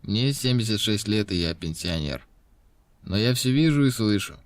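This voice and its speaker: For a scripted lesson, a man acts the part of a suspicious pensioner, seventy-six, writing to the police, his voice strained. He sounds lowish, animated and natural at a moderate pace, recorded with no echo.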